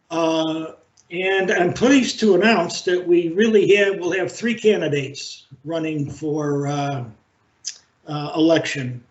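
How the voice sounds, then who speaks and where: A man chairing a library board meeting over a video call, speaking in a halting, measured way with frequent fillers. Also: on the high side. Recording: roomy, dull video-call audio.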